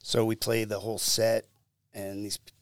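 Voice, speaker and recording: A middle-aged man telling stories casually in an interview, lively and acting out the lines he quotes. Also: lowish voice, moderate pace, dry recording. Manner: animated, acts out quotes. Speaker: musician guest.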